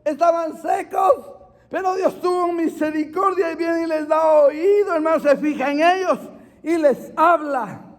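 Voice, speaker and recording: A man with a strikingly high voice preaches with fervor, calling his listeners brothers and rising into shouts. His voice rings out with a long hall reverb around it. He sounds middle-aged, leading a night church service. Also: normal speed. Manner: fervent, calls listeners brother, bursts into shouts. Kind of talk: sermon.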